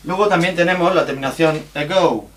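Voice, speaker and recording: A man from teaching a recorded grammar lesson, explaining rules slowly and spelling out letters and examples. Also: fairly high pitch, fairly bright tone, slight background noise.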